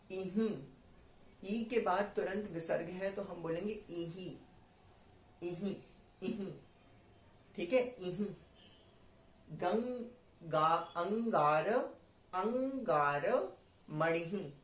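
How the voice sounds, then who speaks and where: High-voiced man drilling pronunciation slowly. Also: roomy sound. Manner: repeats words slowly for learners to copy. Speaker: Sanskrit teacher. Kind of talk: pronunciation lesson.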